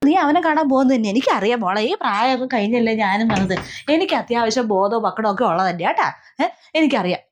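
A woman's voice: fairly high pitch, animated, fast talker, slight background noise, pitched below the performer's own voice, natural voice. A woman playing a melodramatic middle-aged mother in a comedy sketch, scolding and lamenting over and over. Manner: scolding, wailing, repeats herself. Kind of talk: comedy sketch role-play.

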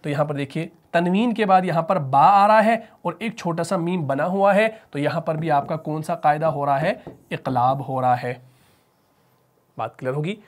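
He patiently builds a tajweed lesson one step at a time, questioning and then answering himself, all in a Pakistani Urdu accent. For a man his voice sits fairly high, and his pace slows into melodic chanting whenever he recites verses.

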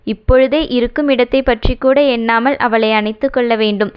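A woman reading a romance novel aloud as an audiobook narrator, in a steady storytelling manner. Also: fairly high pitch, brisk, smooth, dull audio.

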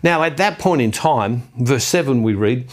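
A man's voice: mid-range voice, animated, normal speed. A middle-aged man giving a reflective sermon on scripture, earnest, repeating his phrases and putting questions to his listeners.

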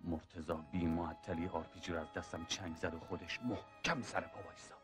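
An actor playing a seasoned male soldier who calmly mentors a younger comrade and recounts the war. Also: sits low, music in the background, natural voice. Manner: calm, measured storytelling. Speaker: older soldier in war film.

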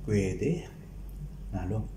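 Man, chewing while speaking, very low voice, echoey room, food vlog, appreciative hums. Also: lively intonation, very slow. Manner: savoring, murmurs of approval. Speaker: food vlogger. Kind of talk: casual food review vlog. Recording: echoey room with clear ambient noise.

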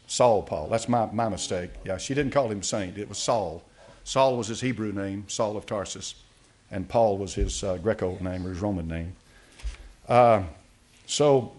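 An older man preaching a sermon from a church podium, reading aloud and commenting with many fillers and restarts. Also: fairly low pitch. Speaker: pastor. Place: church sanctuary. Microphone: podium mic.

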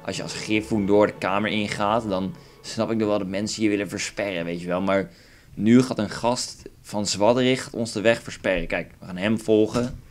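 A man's voice: fairly low pitch, steady tone, normal speed. Joking young Dutch man narrating gameplay. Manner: joking, crude, rambling, with swearing. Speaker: gamer commentating a playthrough. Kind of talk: casual let's play commentary. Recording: faint game music behind.

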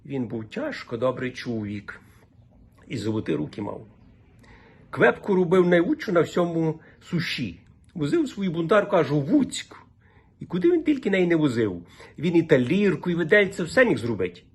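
A man voicing a gossipy old village woman who speaks in a Volhynian dialect, chattering rapidly in a raised pitch. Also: sing-song, husky, exaggerated voice. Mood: gossiping.

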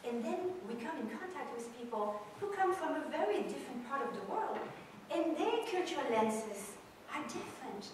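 A woman from Switzerland, giving a direct, animated public lecture to an audience in a large auditorium. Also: high voice, normal speed, slight background noise. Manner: direct, animated, pacing the stage. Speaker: guest speaker on business culture. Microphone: far camera in the audience. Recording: echoey hall recorded from far off.

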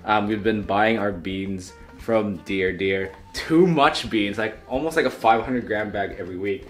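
A man's voice: lowish voice, measured pace. A man with a New Zealand accent chatting playfully in a casual food vlog at home. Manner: playful, enthusiastic, stumbling restarts. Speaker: food vlogger. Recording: light music behind.

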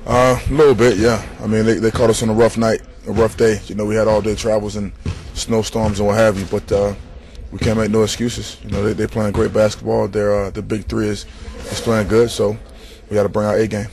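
Young male player, fast and gravelly, stock sound-bite answers into reporters' mics. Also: on the low side, little pitch movement, a little mellow. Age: young adult. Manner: stock answers, repeats words. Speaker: basketball player. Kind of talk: post-practice media interview. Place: indoor practice gym. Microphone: cluster of handheld reporter mics.

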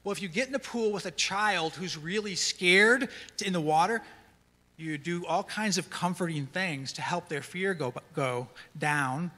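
A middle-aged male counselor talks through his lesson in an easy, conversational way, often tossing in "right?" to keep listeners with him. His voice sits a bit high for a man and comes across bright and energetic. A long reverb trails each phrase through the large church hall. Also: unhurried. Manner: conversational, tags many lines with "right?". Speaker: counselor giving a church talk. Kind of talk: sermon-style teaching talk.

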